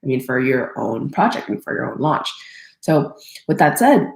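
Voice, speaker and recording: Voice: medium pitch, sing-song, moderate pace, creaky. Rambling crowdfunding advice, roomy echo. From Thailand. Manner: rambling, many fillers and self-corrections. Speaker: crowdfunding consultant. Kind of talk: casual solo advice talk.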